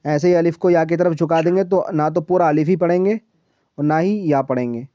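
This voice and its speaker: A man teaching Quran reading one-on-one, with a raised, mellow tone and a smooth, clear voice. He explains each rule patiently and draws out syllables slowly so the student can copy them. The sound is dry and slightly dull, like a lo-fi line. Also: a little high, no room sound. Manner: patient, repeats and drawls syllables slowly to model pronunciation. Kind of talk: one-on-one recitation lesson.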